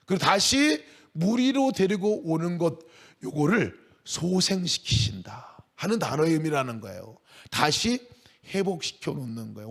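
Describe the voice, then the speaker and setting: Male pastor, middle-aged, sermon delivery; high voice with big swings in pitch, emphatic. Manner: emphatic, swings from quiet asides to raised cries.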